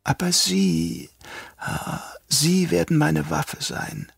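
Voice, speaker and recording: A man voicing a sly, half-mad old doctor who turns traitor, speaking in a hushed, whispery, drawn-out voice. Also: fairly high pitch, sing-song, vocal fry, breathy edge, dry recording, clean studio sound, voice pushed up, exaggerated voice. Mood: sly menace.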